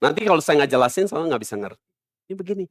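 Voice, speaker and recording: A man preaching a sermon as pastor, emphatic and swinging between loud stresses and low murmurs. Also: sing-song, racing. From Indonesia. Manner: mocks other preachers in a soft mimicking voice. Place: church.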